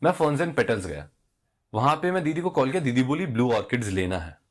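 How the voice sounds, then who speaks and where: Young male vlogger, casual storytelling, animated, acts out both sides of dialogue. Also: mid-range voice, brisk.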